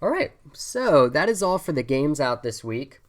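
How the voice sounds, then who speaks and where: A woman with a low voice co-hosts a casual podcast. She talks in an excitable, giggly way, her pitch swinging widely as she chats. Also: moderate pace. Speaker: podcast co-host. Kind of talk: casual chat. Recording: audio-only podcast.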